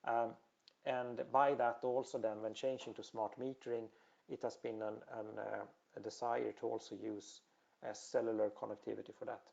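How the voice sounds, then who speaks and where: A Swedish man with a Swedish accent gives a technical presentation as an industry presenter, his medium-pitched voice flat, at normal speed, with vocal fry and a darkish tone over lo-fi sound. He sounds hesitant, with many fillers, restarts and repeated words.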